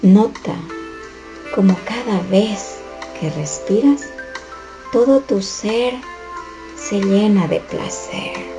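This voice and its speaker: A woman from Ecuador reads a guided relaxation in a soothing, instructive way. She speaks very slowly in a lowish, gravelly voice. Music plays clearly behind her. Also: expressive. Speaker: contributor reciting her own text. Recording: soft music playing behind.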